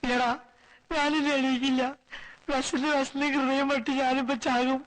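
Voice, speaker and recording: An actor playing a hungry, simple-minded young sidekick in a film comedy, whining and melodramatic. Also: male voice, very high-pitched, flat delivery, moderate pace, fairly bright tone, rough recording. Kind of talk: Malayalam film comedy acting.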